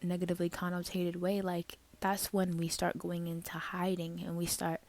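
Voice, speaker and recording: A woman's voice: on the low side, completely flat delivery, normal speed, a little mellow. Tearful young-sounding woman venting casually. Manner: casual, filler-heavy, openly emotional. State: tearful, emotional. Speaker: vlogger. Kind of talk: emotional personal vlog.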